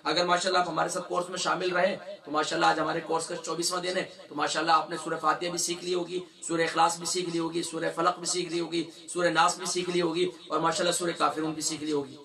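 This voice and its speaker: A middle-aged man teaching Quran recitation, explaining and then slowly drawing out letters and syllables for students to copy, chuckling often as he talks. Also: fairly high pitch, little pitch movement, creaky, sharp tone, recorded from a distance. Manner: demonstrates sounds slowly, repeating letters with drawn-out recitation. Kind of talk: religious lesson with recitation drills.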